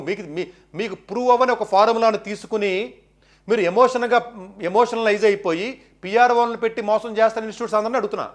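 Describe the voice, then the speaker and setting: A man delivering an impassioned monologue, questioning his listeners with rapid, indignant rhetorical questions. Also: high voice. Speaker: education commentator.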